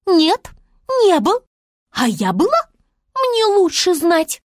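A woman's voice: very high voice, wildly swooping pitch, slow pace, no echo, clean studio sound, pitched above the performer's own voice, exaggerated voice. A woman voicing a dramatic, haughty female star who talks in a theatrical, wailing, bossy way.

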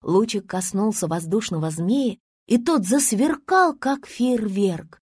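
A woman narrating a children's story in an animated storyteller manner, with a slightly breathy voice. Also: a little slow, no room sound, clean studio sound. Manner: animated storyteller with big pitch swings. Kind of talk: expressive children's story reading.

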